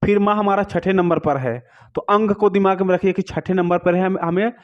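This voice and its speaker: A man's voice: high voice, fairly even intonation, normal speed. A man teaching a music lesson, explaining notes patiently and often asking his students questions. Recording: slightly dull, lo-fi sound.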